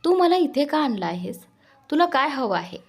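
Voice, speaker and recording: A woman's voice: a little high, animated, unhurried, breathy edge. A woman voicing a brave, defiant young heroine in an audio story, who sounds frightened but stands firm.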